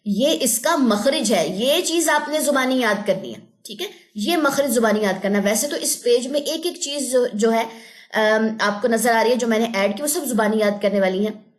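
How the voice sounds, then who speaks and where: Young woman tajweed teacher with a fairly high voice, patient and methodical, drills sounds slowly. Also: lively intonation. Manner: explains step by step, checks understanding with "theek hai ji"; drills syllables slowly and drawn out. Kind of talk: online lesson.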